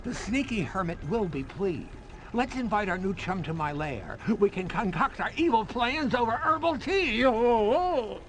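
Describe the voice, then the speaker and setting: A man voicing a petty, theatrical bubble villain in a cartoon game, gloating in a drawn-out way over music. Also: sits high, big pitch swings. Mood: scheming. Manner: drawn-out gloating with evil cackles. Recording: loud music behind the voice.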